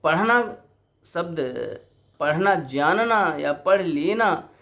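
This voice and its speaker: Middle-aged male lecturer, unhurried, slightly high voice, rhetorical teaching manner. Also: fairly bright tone. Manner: deliberate, poses rhetorical questions. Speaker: teacher educator. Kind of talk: explanatory lecture.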